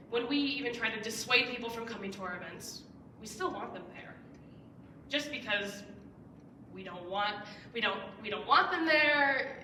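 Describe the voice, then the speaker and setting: A young woman in her late teens gives an earnest persuasive speech as a student on a school stage. Her voice is bright and fairly high, and she pushes key words up with emphatic rises. She sounds a little far from the mic, in a roomy, echoing hall. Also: slight background noise. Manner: earnest, with emphatic rising stresses. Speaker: student speaker. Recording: roomy echo, heard from some distance.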